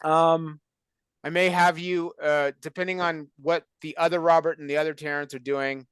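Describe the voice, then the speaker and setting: A man's voice: fairly high pitch, little pitch movement, moderate pace, fairly bright tone, smooth, dry recording. A man hosting a casual chat on a video call, joking and rambling. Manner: joking, rambling, self-mocking. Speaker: show creator and host of the call.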